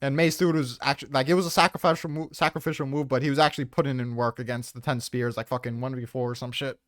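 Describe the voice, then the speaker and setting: A man sticks up for his tier list placements during a loose, profane debate over manga character rankings. He talks quickly in a mid-range, slightly bright voice with fairly even intonation, and the recording is dry with clean studio sound.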